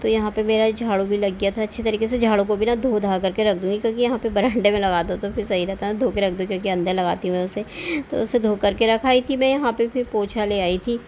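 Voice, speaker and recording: A chatty woman talking through her household chores in a relaxed vlog voice-over. Her pitch sits in an ordinary middle range. She laughs lightly now and then, and a faint hiss of noise runs underneath. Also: fast talker, few pauses, muffled recording. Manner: chatty and homely, frequent little laughs and tag questions. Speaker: home vlogger. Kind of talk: casual voice-over narration of housework.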